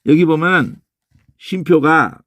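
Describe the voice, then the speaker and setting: A man teaching a lecture on Bible languages, talking casually and emphatically, repeating phrases and tossing in quick questions to his listeners. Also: no room sound. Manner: emphatic, lively demonstrating, repeats phrases with sudden pitch jumps; casual speech, trailing questions.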